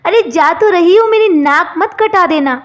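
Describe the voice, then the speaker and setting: Woman voicing a scolding mother-in-law, high voice. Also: lively intonation, measured pace, highs cut off. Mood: scornful. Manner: sharp, scolding.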